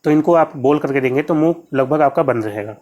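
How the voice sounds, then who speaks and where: A young man running an exam-prep lesson, his voice sitting slightly high for a man. He explains each answer patiently and repeats key terms, speaking to viewers as friends. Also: a little fast, a little mellow. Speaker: Hindi exam tutor.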